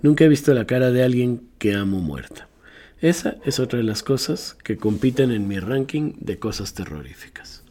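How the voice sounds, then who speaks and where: A man reading a personal essay aloud in a measured, reflective way, now and then correcting a slip. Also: medium pitch, lively intonation, warm tone. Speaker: reader.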